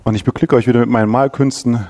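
A man delivers a sermon in a warm, mellow voice at a middle pitch. He speaks with animation, builds emphasis through repeated phrases, and corrects himself as he goes. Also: steady tone, fast talker. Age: adult father. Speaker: preacher.

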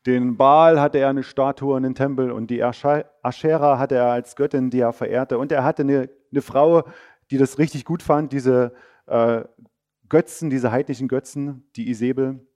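A man preaching a sermon, retelling a story in a lively, casual way and speaking directly to his listeners. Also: medium pitch, normal speed.

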